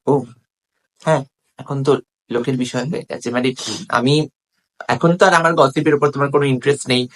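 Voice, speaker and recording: Guy doing a whiny girlfriend on the phone, rattles off gossip super fast, guilt trips. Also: high-pitched, fairly bright tone, slight background noise. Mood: sulky. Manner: fast complaining gossip, sulky and guilt-tripping. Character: nagging young woman, girlfriend on the phone, easily hurt. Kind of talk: comedy sketch phone call.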